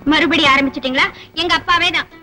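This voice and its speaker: An actress playing a proud, quick-tempered young woman in an old film drama, sharp and indignant. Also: sits high, steady tone, soft background music. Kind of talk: 1950s-60s film acting.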